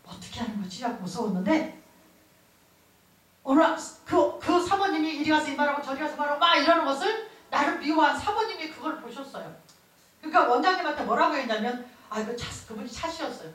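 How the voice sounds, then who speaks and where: A woman's voice: sits high, animated, brisk, a bit bright. A woman pastor giving an emotive revival sermon, telling her own story with bursts of laughter. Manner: emotive storytelling preaching, laughing as she talks. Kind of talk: revival sermon with personal testimony. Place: large church hall at a revival meeting. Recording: echoey hall heard from far off.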